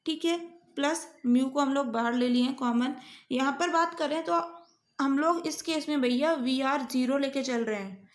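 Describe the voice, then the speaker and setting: A woman gives a maths lecture in a high voice. She works through the equations step by step and keeps asking her students questions. The room around her is echoey. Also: normal speed. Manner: explains step by step, often asks students questions. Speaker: maths teacher.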